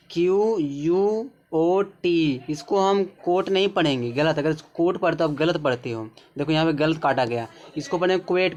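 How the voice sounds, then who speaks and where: Teaching how English words are pronounced, this Hindi-accented man speaks in a somewhat high voice. He takes things slowly, says each word more than once and frequently asks whether the viewer is following.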